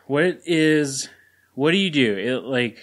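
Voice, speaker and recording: A man's voice: mid-range voice, expressive, slow pace, a bit bright. A man co-hosting a casual sports podcast, blunt and sarcastic, laughing often. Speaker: podcast co-host.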